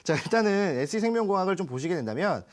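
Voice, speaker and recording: A man's voice: high voice, sing-song, very fast. A man from Chungcheong, Korea, giving stock advice on a TV show, chatty, with homely analogies and frequent self-corrections. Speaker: stock market expert. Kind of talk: stock consultation on TV.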